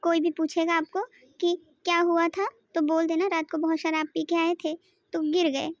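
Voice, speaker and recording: A woman voicing a young, scheming daughter-in-law in a cartoon, bossy and quick-witted. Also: very high-pitched, level tone, no room sound, dull audio. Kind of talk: cartoon voice acting.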